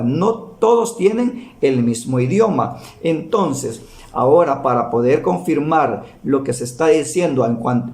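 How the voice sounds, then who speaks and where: Slow, deliberate male preacher. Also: a little high, darkish tone, echoey room. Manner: slow, deliberate, repeats key words. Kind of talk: Bible teaching sermon.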